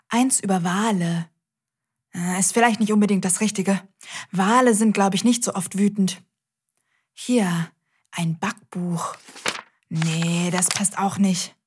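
A woman's voice: mid-range voice, slightly rough. A woman hosting a scripted children's audio show, cheerfully talking straight to the kids.

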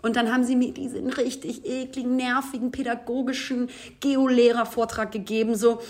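A woman co-hosting a podcast in casual chat, telling a story with animated quotes and frequent laughter. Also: on the high side, brisk. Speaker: podcast co-host.

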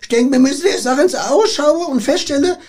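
A man playing a whiny bass player. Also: a little fast, a little mellow. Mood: complaining. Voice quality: gravelly, husky, swooping. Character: sweaty, whiny middle-aged male bass player. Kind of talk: comedy sketch acting.

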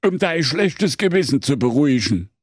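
A high-voiced, grumbling fairy-tale inspector draws out his words slowly with a lively, sing-song lilt, played by a man. The sound is dry and close. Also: breathy edge, no room sound. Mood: moved. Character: grumpy, emotional male fairy-tale police inspector.

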